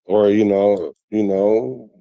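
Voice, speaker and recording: A man's voice: fairly low pitch, steady tone, takes it slowly, vocal fry, dark tone, dry recording, lo-fi sound. A man hosting a sports show, talking casually to his viewers in a rambling way full of restarts. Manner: rambling, conversational, with many restarts and fillers.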